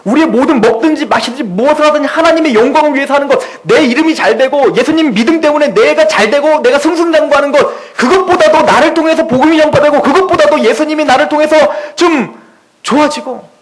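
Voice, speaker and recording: A man preaching a sermon in a church, telling a story with lively quoted voices. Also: extremely high pitch, quick pace. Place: church sanctuary.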